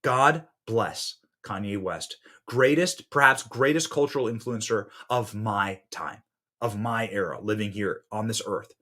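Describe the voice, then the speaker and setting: A man in his thirties hosting a political podcast, giving fiery commentary that swings between loud outbursts and hushed asides. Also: lowish voice, measured pace. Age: 30s.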